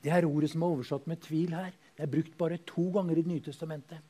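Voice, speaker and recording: A man from Norway, preaching a revival sermon and calling out hallelujah as he swings from loud to hushed. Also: fairly high pitch, fairly even intonation.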